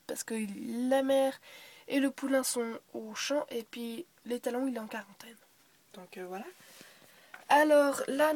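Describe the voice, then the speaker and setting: A woman's voice: a little high, a little mellow, a little hiss or hum. A young girl showing her toy horse ranch in a casual show-and-tell, full of fillers, self-corrections and whispered asides.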